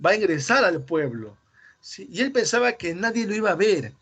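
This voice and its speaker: Peruvian male teacher, a bit high-pitched, narrates a story to his class and acts out the characters' lines. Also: sing-song, moderate pace, a bit bright, breathy edge. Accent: Peruvian Spanish. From Peru. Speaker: literature teacher. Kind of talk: retelling a story in an online class.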